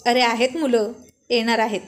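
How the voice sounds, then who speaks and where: Cheeky jokey young guy, mocking pal, woman reading, high voice, story. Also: flat delivery, moderate pace, natural voice.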